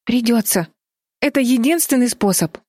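A woman's voice: a little high, lively intonation, moderate pace, darkish tone, no echo, clean studio sound, voice pushed up. Woman voicing a determined girl leader. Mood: urgent. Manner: urgent, commanding, rallying.

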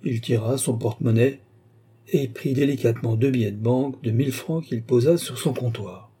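A man reading a nineteenth-century short story aloud in a measured, expressive narration. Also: mid-range voice, husky. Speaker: audiobook narrator. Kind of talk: scripted literary narration.

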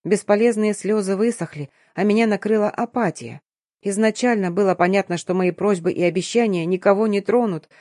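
A woman narrates an audiobook in the first person, measured and even. Her voice sits at a middle pitch and comes across dry and close, with no room sound. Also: no room sound.

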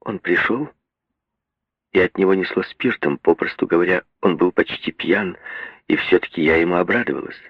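A man voicing a proud young woman, prim and icy in manner, who breaks into sobbing, shrill outbursts, in a literary reading. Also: moderate pace, breathy edge, no room sound. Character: proud young woman, stiff, then hysterical. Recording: dull, muffled radio recording.

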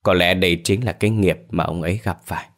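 A man's voice: sits low, fairly even intonation, quick pace. A man voicing a stern middle-aged mistress of a rich household, speaking sharply to servants. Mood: resigned. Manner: sharp and scolding toward servants.

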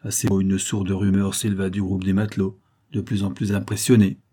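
A man reading a classic adventure novel aloud as an audiobook narrator, in a measured, dramatic way. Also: low-pitched, monotone, mellow, husky.

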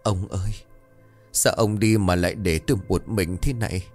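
A man's voice: deep voice, fairly even intonation, moderate pace, soft background music. A man voicing a grieving elderly widow who tearfully speaks to her late husband. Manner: tearful, pleading.

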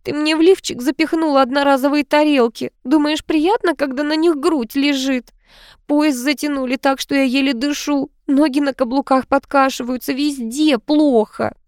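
A woman's voice: sits high, fairly even intonation, normal speed, dry recording, studio quality, voice pushed up, close to an everyday voice. A woman reading an audiobook, voicing a sulky young woman who whines and complains. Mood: complaining. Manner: whining, petulant.

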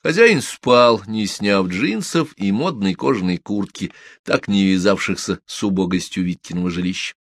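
Low-voiced male audiobook narrator. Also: animated, normal speed, no echo, clean studio sound. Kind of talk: scripted narration.

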